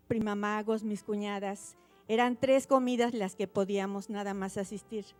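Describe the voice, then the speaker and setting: A middle-aged woman giving a heartfelt faith testimony at a church gathering. She tells her story quietly and grows softer at the tender moments. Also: medium pitch. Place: church auditorium.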